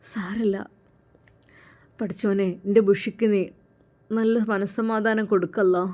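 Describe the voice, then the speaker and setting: A woman's voice: medium pitch, steady tone, unhurried, a little mellow, natural voice. A woman voicing a heartbroken young man with a lilt.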